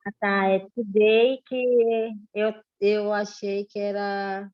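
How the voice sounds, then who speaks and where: Hesitant woman student on a class call, slow and tentative, dull sound. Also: medium pitch, little pitch movement. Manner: hesitant, guessing answers. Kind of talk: online class.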